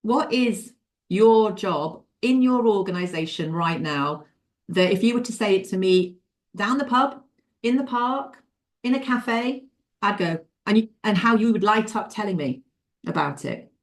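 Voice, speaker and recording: A woman leads an interactive leadership webinar over a video call. She talks in a lively, encouraging way, laughs often and calls on participants by name. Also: medium pitch, unhurried. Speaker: leadership mentor running a webinar.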